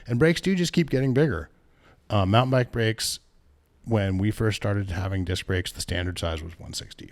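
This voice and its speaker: Deep-voiced guy rambling casually on a shop podcast, keeps backtracking and restarting. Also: normal speed. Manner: rambling, self-correcting, laughs at own stories. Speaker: podcast co-host, bike shop staff. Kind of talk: casual chat.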